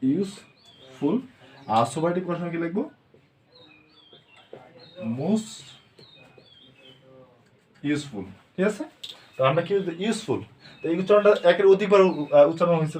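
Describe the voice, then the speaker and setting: A Bangladeshi man teaching English grammar, asking questions and answering them himself, sounding words out slowly. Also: fairly high pitch, darkish tone, a little hiss or hum. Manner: asks and answers his own questions, slow word-by-word drilling. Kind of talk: spoken grammar lesson with questions to students.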